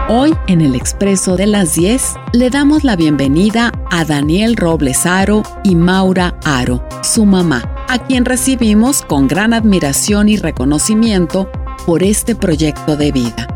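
Female radio presenter, slightly low pitch, scripted profile narration. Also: a little mellow.

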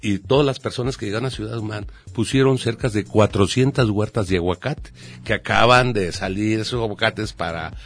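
A man's voice: on the low side, a little fast. A man speaking as a guest on a radio talk show, earnest and repeating his points. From Mexico. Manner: earnest, repetitive.

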